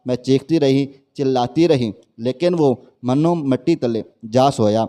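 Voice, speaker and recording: Man narrating in a mellow voice. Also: mid-range voice. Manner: reads a woman's first-person story aloud. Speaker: storyteller. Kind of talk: scripted narration of a sad story.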